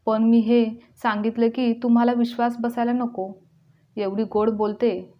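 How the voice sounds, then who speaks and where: A woman's voice: on the high side, flat delivery, a little slow, close to an everyday voice. A woman voicing an elderly, self-pitying mother-in-law who complains tearfully. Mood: complaining. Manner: whiny, accusing. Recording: dull lo-fi recording.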